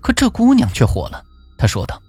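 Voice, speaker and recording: A man narrating a folk ghost story in an expressive, suspenseful way. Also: a little high, fairly quick, breathy edge, dry recording. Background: faint music.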